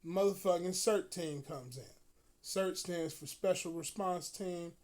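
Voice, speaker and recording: A man telling a profane story in a casual, animated way, often breaking into laughter. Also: high-pitched, unhurried.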